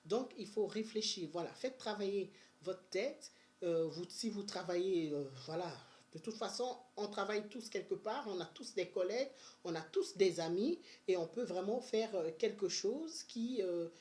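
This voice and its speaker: Woman vlogger, Benin-born, chatty and energetic, casual advice talk. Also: mid-range voice, moderate pace. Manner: chatty and energetic, with many fillers and restarts. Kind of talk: casual money-saving advice vlog.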